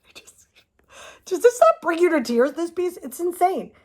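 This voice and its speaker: A woman's voice: very high-pitched, very animated, moderate pace, darkish tone. A woman vlogging casually as she shows off her crystals, gushing and exclaiming, swearing often and speaking straight to her viewers. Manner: addresses viewers directly and calls the crystals she or baby. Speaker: crystal shop owner and vlogger. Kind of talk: casual show-and-tell vlog.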